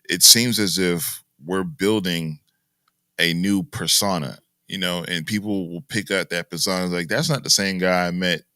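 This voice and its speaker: A man's voice: low voice, bright, forceful tone, no room sound. An American man co-hosting a podcast, talking in a casual, rambling and reflective way that sometimes drops to a mumble. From United States. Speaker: podcast co-host. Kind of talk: casual chat.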